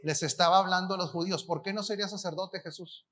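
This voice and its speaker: A man with a Mexican accent preaching at a conference, his voice high and bright. He speaks colloquially and keeps putting questions to the crowd and answering them himself. The delivery is sharp and lively. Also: fast talker. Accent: Mexican Spanish. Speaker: apostle preaching. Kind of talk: conference sermon.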